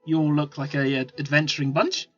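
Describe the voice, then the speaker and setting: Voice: mid-range voice, flat delivery, brisk, lightly acted. A game master voicing a shifty male desert merchant who fawns, stammers and dodges questions while angling for coin. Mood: fawning. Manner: stammering, fawning salesman patter. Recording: lo-fi with faint music.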